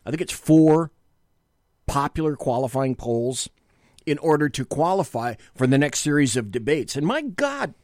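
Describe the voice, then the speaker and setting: A man co-hosting a casual political talk show from a small studio. He rambles and restarts, joking at his own expense. His pitch swings up and down freely, and the sound is close and dry. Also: big pitch swings, moderate pace, darkish tone, no echo. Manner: chatty, self-deprecating, rambling with restarts.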